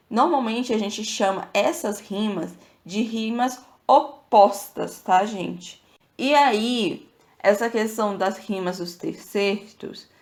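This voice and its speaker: Brazilian woman teaching poetry casually. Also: medium pitch. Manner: addresses listeners as "gente", counts syllables aloud, frequent "tá, gente?". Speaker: podcast host teaching literature. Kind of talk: casual explanatory lesson.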